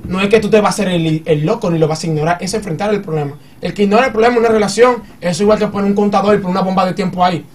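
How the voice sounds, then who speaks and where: A man's voice: high-pitched, racing, hardly any pauses, recorded from a distance. A man, chatting in a group discussion and arguing his point through examples. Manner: animated, argues by giving examples.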